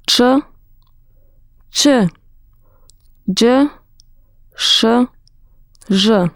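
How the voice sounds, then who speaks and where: A woman with a slightly high voice models pronunciation for a language lesson. She says each sound or word very slowly and separately, with exaggerated enunciation. The sound is dry. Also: no room sound. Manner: slow, exaggerated, isolated enunciation of single sounds and words.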